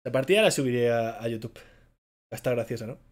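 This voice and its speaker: A man's voice: mid-range voice, brisk. A man with a Spain Spanish accent giving casual, slangy live commentary as he streams a ranked strategy game and talks to his viewers. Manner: chatty, slangy, talks to viewers while playing.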